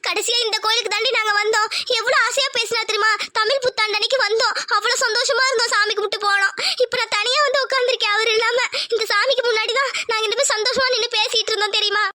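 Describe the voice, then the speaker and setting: Woman doing high squeaky cartoon wife, fast and pleading, tearful the whole time. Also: fairly even intonation, very noisy. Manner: pleading, tearful, rustic Tamil speech. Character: anxious, devoted young wife of an injured man.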